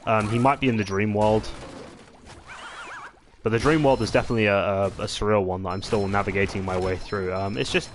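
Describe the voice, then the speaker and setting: A man with a fairly low voice talks through his gameplay in a loose, rambling way. He fills the gaps with ums and restarts his sentences as he goes, and a faint hum sits behind him. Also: fairly even intonation, a little fast. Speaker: gaming channel host. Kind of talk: let's-play gameplay commentary.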